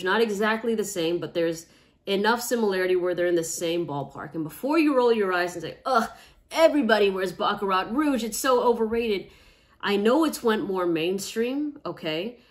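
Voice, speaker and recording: A woman chatting casually in a product review vlog, emphatic, tagging her points with "okay?". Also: on the low side. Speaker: fragrance reviewer.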